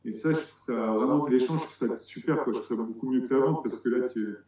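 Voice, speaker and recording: A man's voice: medium pitch, quick pace, warm tone. A man from France, an amateur frog breeder, explaining his hobby in a casual interview, hesitant with many restarts. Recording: roomy, dull sound.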